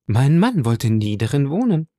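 A man voicing a proud aristocratic woman who asks quick, teasing questions, read as an audiobook figure. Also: medium pitch, big pitch swings, dark tone, no room sound, clean studio sound, voice pushed up, lightly acted. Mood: lively.

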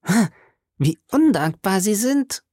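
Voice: medium pitch, big pitch swings, takes it slowly, warm tone, dry recording, clean studio sound, pitched above the performer's own voice. A reader voicing a jealous, middle-aged lawyer's wife who pleads and sounds wounded in an audiobook. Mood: indignant. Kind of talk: audiobook character reading.

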